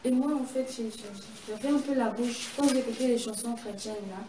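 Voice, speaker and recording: A woman's voice: fairly high pitch, fairly quick. A woman giving a personal testimony in conversation, telling her story vividly and acting out what happened. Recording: echoey and distant with noise.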